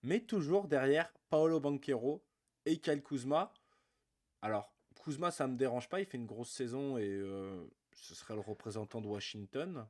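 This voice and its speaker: A man co-hosting a live basketball chat show, relaxed and full of fillers as he runs through rankings. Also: mid-range voice, moderate pace. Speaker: podcast co-host.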